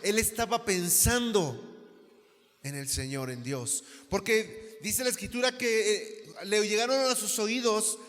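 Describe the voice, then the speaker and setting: A man's voice: sits high, a little slow, fairly bright tone. A man with a Mexican accent, a pastor preaching a sermon, asking the congregation rhetorical questions. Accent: Mexican Spanish. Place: church hall. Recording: long reverb of a church hall.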